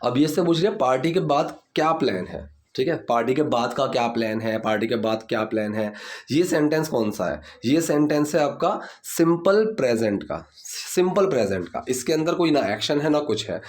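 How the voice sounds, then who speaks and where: A man's voice: mid-range voice, lively intonation, darkish tone. Man teaching English grammar. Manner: slow, deliberate reading of English example sentences. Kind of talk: explaining grammar from movie subtitles.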